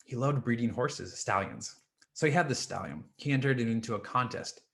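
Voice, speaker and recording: A man's voice: mid-range voice, a little fast, gravelly. A man, a life coach, telling an old parable in a conversational presentation. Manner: animated, conversational storytelling. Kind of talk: storytelling in a presentation.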